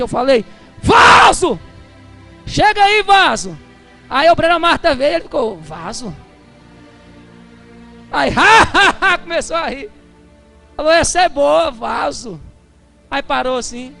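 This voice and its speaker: A man with a very high-pitched voice and vocal fry preaches a Pentecostal sermon in a Brazilian Portuguese accent. He moves from chatty storytelling into fervent shouting.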